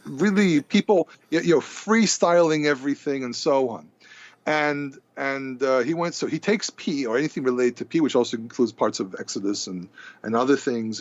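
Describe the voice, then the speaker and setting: A podcast guest whose first language is Hebrew tells a story in a casual conversation, animated but stumbling and repeating words. His voice is mid-range, and the lo-fi recording has no room sound.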